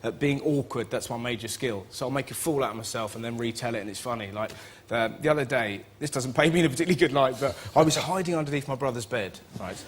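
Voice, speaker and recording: A man's voice: mid-range voice, quick pace, hardly any pauses, husky. A man in his twenties, a comedian guest telling anecdotes on a talk show and acting out the people in his stories. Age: 20s. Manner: animated storyteller, acts out the people in his stories. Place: television studio.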